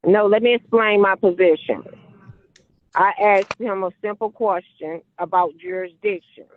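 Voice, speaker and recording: Heard through a phone-like line, a woman in court as a defendant keeps pressing her objections and questions in an argumentative exchange. She speaks unhurriedly in a mid-range voice with lively intonation and vocal fry, over a little hiss or hum.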